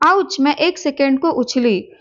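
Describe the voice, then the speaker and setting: Brief: young woman narrator, high voice, playful teasing tone, dull lo-fi recording. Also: animated, a little slow. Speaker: storyteller. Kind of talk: first-person story narration.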